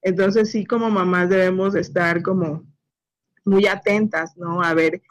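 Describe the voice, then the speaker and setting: A woman, a mother speaking earnestly and thoughtfully in a women's group, often pausing to search for her words. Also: on the low side, fairly even intonation. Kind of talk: reflective group sharing.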